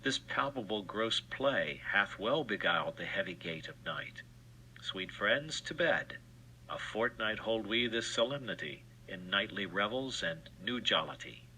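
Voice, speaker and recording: Guy doing a grand commanding duke, bright voice, lots of swing in the pitch. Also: a little slow, a little hiss or hum, full character voice, rough recording. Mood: stately. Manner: declaiming, lively pitch. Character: stately adult male duke, commanding host. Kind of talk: recorded stage reading of verse.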